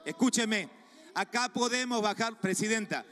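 A man's voice: sits high, moderate pace, a bit bright. A man with an Argentine Spanish accent, a senator speaking vehemently and accusingly in a committee hearing, repeating phrases for emphasis. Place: large legislative chamber. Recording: reverberant hall sound.

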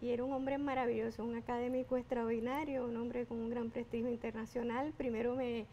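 A woman's voice: a little high, little pitch movement, a little fast, mellow, dull audio, slight background noise. A Puerto Rican woman in her fifties with an accent blended with Panamanian, talking expressively and effusively as an interview guest. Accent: Puerto Rican Spanish blended with Panamanian. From Puerto Rico. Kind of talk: casual interview talk.

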